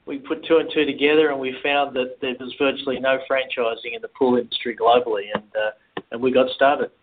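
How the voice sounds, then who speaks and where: A man answering interview questions as a company founder, speaking in a relaxed, hesitant way with many "uh"s. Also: medium pitch, a little fast. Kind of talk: phone interview. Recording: tinny phone-line sound.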